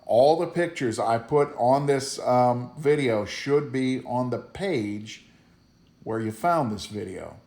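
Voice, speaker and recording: A man's voice: medium pitch, lively intonation, slow, darkish tone. A man with an Appalachian accent teaching in an informal recorded lesson, explaining things in a plain-spoken, folksy way. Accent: Appalachian hillbilly. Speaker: biology teacher.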